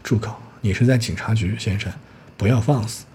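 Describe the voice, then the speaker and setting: A man reading a storybook's pompous, irritable male police lieutenant, who barks bossy commands in a low, mellow voice. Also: brisk, a little hiss or hum, natural voice. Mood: blustering.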